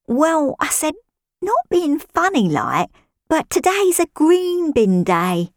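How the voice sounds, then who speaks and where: A woman playing a nosy, gossiping married woman who spies on her neighbour, chatty with dry deadpan asides. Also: high voice, slow pace, no echo, exaggerated voice. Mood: gossipy. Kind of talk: comic character monologue.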